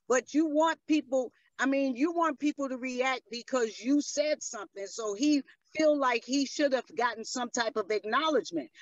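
A woman's voice: high voice, no echo, muffled recording. A woman talking as a guest on a radio show in a casual, emphatic street style, often asking "you see what I'm saying".

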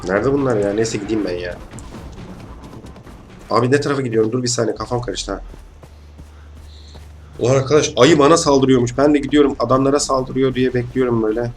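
A young man with a hoarse voice from being sick, chatting casually and excitedly as he plays a game and comments on it. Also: medium pitch, a little fast, pauses often, faint music behind. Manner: chatty, excitable, slangy, bursts into shouts. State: hoarse from illness. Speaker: gaming channel host. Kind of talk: casual let's-play commentary.

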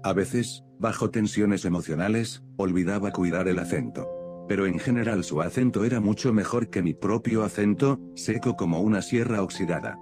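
A man calmly narrating a science fiction audiobook in the first person. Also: on the low side, normal speed. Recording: background music under the narration.

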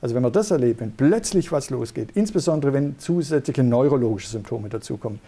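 A man's voice: medium pitch, lively intonation, brisk, mellow. A middle-aged man, a neurologist, patiently explaining in an interview. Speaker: neurologist guest.

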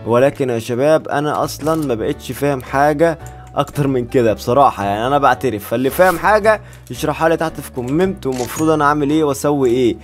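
A man's voice: medium pitch, fast, faint music behind. A man with an Egyptian Arabic accent giving casual gameplay commentary, joking and talking straight to his viewers. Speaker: gaming YouTuber.

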